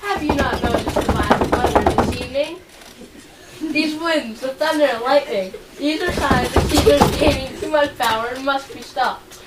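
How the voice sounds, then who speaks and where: A woman's voice: high voice, normal speed, lightly acted. A woman playing a persuasive, scheming Roman conspirator in an amateur stage performance. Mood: urging. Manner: urging, persuasive. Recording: echoey room, distant mic, loud noise.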